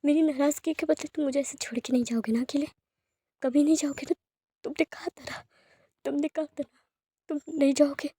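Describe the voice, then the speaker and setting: A woman's voice: sits high, steady tone, a little fast, long pauses, dark tone, dry recording, clean studio sound, natural voice. A woman voicing a grieving young man who pleads and sobs through broken repetitions. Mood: anguished pleading. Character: grieving young man crying for his partner.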